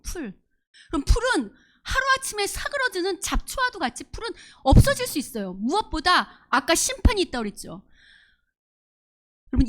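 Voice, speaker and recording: Woman pastor giving a sermon, high lively voice, keeps asking the church questions. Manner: earnest preaching with rhetorical questions to the congregation. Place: church service, streamed online.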